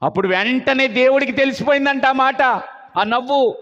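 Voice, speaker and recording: A man's voice: very high voice, normal speed, a bit bright. A male preacher telling a Bible story as a sermon, often posing questions and answering them himself. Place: church meeting. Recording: muffled sound with long hall reverb.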